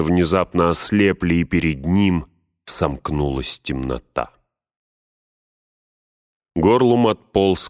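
A man reads an audiobook aloud in an extremely deep voice, measured and steady. The sound is dry and close to the mic. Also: no room sound. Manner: measured, dropping to hushed whispers for quiet speech. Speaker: narrator. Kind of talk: audiobook reading.

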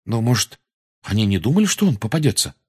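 A man's voice: fairly low pitch, big pitch swings, quick pace, slightly rough. A man reading aloud and voicing a clever, anxious, bossy schoolgirl witch in a storybook reading.

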